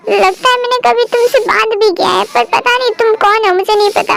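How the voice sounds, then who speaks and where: A woman's voice: extremely high pitch, steady tone, vocal fry, a loud crowd, heavily acted. A woman voicing a fragile young wife who has lost her memory. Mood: shaky. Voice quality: hesitant, halting.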